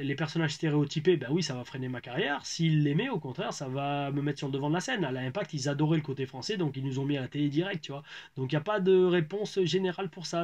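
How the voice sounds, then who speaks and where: A man's voice: on the high side, darkish tone, muffled recording. A man, a former pro wrestler from France, chatting casually as he reads out viewer questions and answers them. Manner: loose, conversational, reads questions aloud, many fillers and restarts. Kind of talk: casual Q&A chat.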